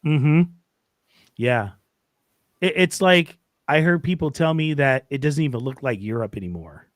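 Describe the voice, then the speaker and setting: A man hosting a casual podcast chat, mostly giving short affirmations and quick reactions. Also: a little high, animated, no room sound, clean studio sound. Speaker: podcast host. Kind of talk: casual conversation.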